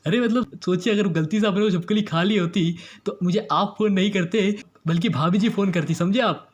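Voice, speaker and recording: A performer plays a smooth-talking trickster doctor in a comedy audio serial. He teases and chuckles in an even, mid-pitched voice, calm while his patient frets. A faint hiss lies under it. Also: a little fast, lo-fi sound, natural voice. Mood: wheedling. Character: sly young man posing as a doctor, teasing.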